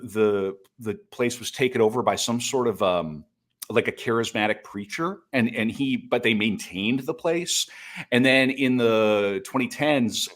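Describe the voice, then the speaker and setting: On a podcast, a middle-aged man from North Dakota, United States, spins casual, enthusiastic stories that wander as he talks. His voice is on the low side with a fairly bright tone.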